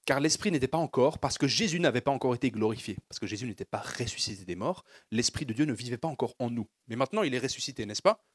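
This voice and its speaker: A male pastor preaching with a husky, slightly breathy voice and a lively pitch that keeps climbing and dropping. He leads the congregation in call-and-response and drives his points with growing fervor. The sound is dry and close, with little room echo. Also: quick pace. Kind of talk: sermon.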